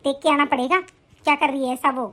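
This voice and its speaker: A woman plays a middle-aged mother-in-law in an animated family story, scolding and scornful. The voice sits very high, almost childlike, and her lines come as commands. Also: a little fast. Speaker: voice actor in an animated family drama.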